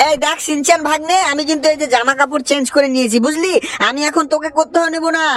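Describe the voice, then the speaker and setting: A woman's voice: high voice, fairly even intonation, quick pace, a bit bright. Woman playing a scheming flirty uncle. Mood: scolding. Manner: sly, wheedling, full of "hmm?" asides. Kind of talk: game video voice-over.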